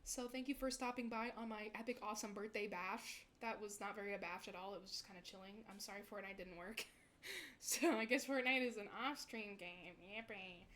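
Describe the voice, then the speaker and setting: A woman's voice: medium pitch, fairly even intonation, a little fast, a bit bright. A young woman VTuber chatting casually with her stream viewers, rambling and giggling often.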